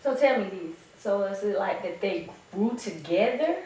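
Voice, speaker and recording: A woman's voice: mid-range voice, expressive, moderate pace, a little mellow. A woman co-hosting a casual group chat, joking and laughing. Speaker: co-host. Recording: echoey room, mic far off, faint noise.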